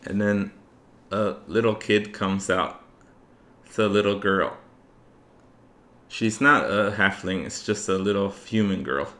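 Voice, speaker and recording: A man's voice: lowish voice, a little slow, long pauses, sharp tone. A man acting as game master, narrating a tabletop fantasy game casually. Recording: roomy, echoing room.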